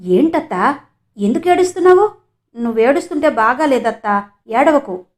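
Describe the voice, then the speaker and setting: Lady putting on a caring young village guy, pitched up and loud, audiobook style. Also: normal speed, close to an everyday voice. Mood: consoling.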